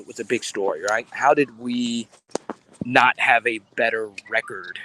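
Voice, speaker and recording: Picture a man with a bright, forceful voice livestreaming on his phone from outside in a city. He rambles through sports talk in loose, chatty fashion, breaking off for jokes and shout-outs to viewers. His pitch sits at an ordinary male middle. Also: low-quality recording. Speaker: sports fan channel host. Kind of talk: casual livestream chat. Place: outdoors in a city, near a palace.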